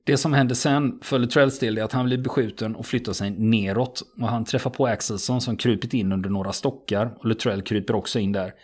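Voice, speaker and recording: A man retelling a true story in a relaxed podcast conversation, steady and matter-of-fact, with frequent small fillers. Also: medium pitch, few pauses.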